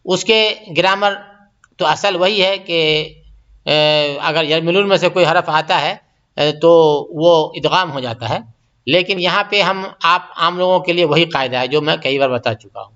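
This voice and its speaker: A male Quran teacher with a high, bright voice explains tajweed patiently. He stretches out each word as he demonstrates it and keeps checking that his students follow. The recording is muffled and lo-fi. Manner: explains pronunciation step by step, repeats words slowly and drawn out. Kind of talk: tajweed lesson.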